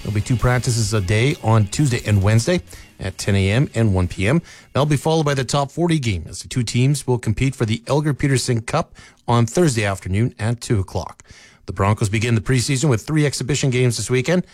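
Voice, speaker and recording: A man reading a local radio newscast as the anchor, in a steady, measured delivery. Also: mid-range voice, dry recording. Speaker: news anchor. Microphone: close studio mic, dry.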